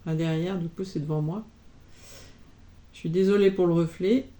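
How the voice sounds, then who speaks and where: A woman's voice: lowish voice, steady tone, normal speed, mellow. A woman chatting casually as an embroidery vlogger, showing her projects and peppering her talk with little interjections. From France. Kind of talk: casual show-and-tell chat.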